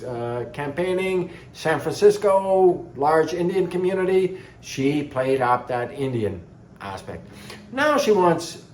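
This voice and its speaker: A man's voice: high voice, a little mellow. A man from Canada, giving a scornful, sarcastic political monologue. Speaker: political commentator. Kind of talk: opinionated monologue. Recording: echoey room.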